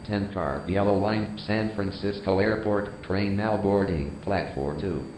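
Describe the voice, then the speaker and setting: A man's recorded station announcement over loudspeakers, spoken in clipped, measured phrases on a train platform. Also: low voice, echoey room, a little hiss or hum, low-quality recording. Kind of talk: automated public-address announcement.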